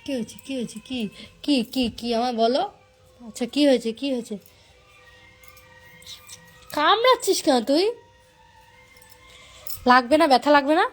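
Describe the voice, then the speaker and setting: High-voiced woman coaxing an angry dog. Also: steady tone, quick pace, faint music behind. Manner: soothing and pleading with repeated words. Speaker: pet owner filming her dog. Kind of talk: coaxing talk to a pet.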